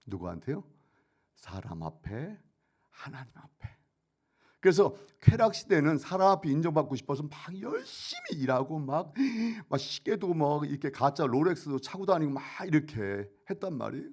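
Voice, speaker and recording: Man, middle-aged, church elder testimony, animated pitch, loud bursts and quiet asides, rhetorical questions. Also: normal speed. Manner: emphatic, swings between loud bursts and hushed asides, asks and answers own questions. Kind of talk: testimony sermon.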